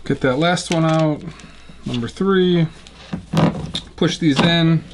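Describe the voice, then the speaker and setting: A man's voice: fairly high pitch, slow pace, noisy background. A man with a Chicago accent, a guitar builder casually explaining his work step by step in a workshop. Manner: relaxed, matter-of-fact explaining while working. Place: woodworking shop.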